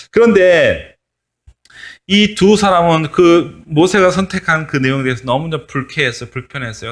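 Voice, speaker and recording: A man's voice: medium pitch, fairly bright tone. Male pastor telling children a story. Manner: asks children questions, storytelling. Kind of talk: children's sermon.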